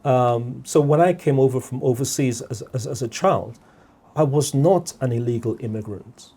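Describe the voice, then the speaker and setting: In a reflective podcast conversation, a middle-aged Guyanese guest speaks with measured care, repeating himself and often checking in with "all right?". He has a medium-pitched voice that is dark in tone and slightly rough.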